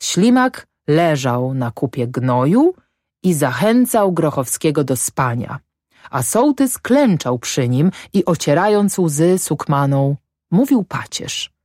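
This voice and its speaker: A woman calmly narrating a classic novel as an audiobook. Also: low voice, no room sound, clean studio sound. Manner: calm, unhurried reading. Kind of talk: scripted narration.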